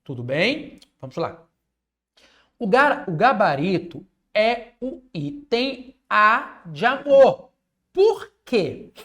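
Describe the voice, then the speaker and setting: A man's voice: high-pitched, very animated, slow pace, a bit bright. A man teaching an online exam-prep class, repeating key rules, checking in often with viewers and joking with them. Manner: repetitive teaching with frequent check-ins; jokey, chats with viewers.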